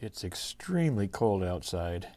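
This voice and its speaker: Gravelly, relaxed man hosting a guitar vlog. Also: low voice, a little slow, no echo. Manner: relaxed, folksy, chatty. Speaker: guitar channel host. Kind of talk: casual unboxing vlog.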